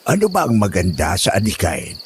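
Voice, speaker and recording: A man's voice: low voice, a little fast, background noise. A man playing a stern old village healer. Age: older. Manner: scolding, lively and emphatic. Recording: crickets and night ambience behind.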